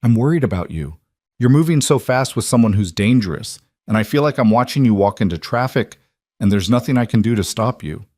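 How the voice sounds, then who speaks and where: A worried young woman friend pleads and presses her point, as a man reading the story puts her on. The voice is lifted slightly above his usual low tone, in a dry, close recording. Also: expressive, a little fast, a little mellow, dry recording, natural voice.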